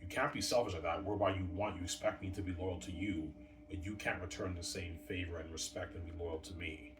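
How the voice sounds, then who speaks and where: Deep-voiced man rambling in an echoey room. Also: steady tone, fairly quick. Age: 30s. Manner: meandering, casual, swears, argues with absent people. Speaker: vlogger. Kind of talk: late-night rambling monologue. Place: room at home, family upstairs. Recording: echoey room, distant mic, background noise and music.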